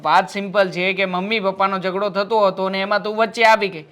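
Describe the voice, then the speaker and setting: Peacemaking husband, bright mid voice, calm and soothing. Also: male voice, high-pitched, fairly quick, clean tone. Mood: placating. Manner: calm, placating. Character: patient husband caught between wife and mother.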